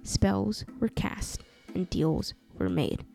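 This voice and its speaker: A woman narrates a dark tale in a measured, dramatic way. Her voice is gravelly and mellow, and soft music plays quietly behind her. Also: medium pitch, big pitch swings. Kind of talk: scripted storytelling narration.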